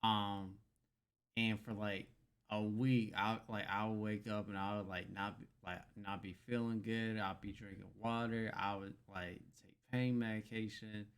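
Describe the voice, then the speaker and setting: A man's voice: on the low side, level tone, clean tone. A man co-hosting a podcast, telling a personal story in a hesitant way, with many ums and likes. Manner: hesitant, halting with "um" and "like". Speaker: podcast co-host. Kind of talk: casual chat, telling a story.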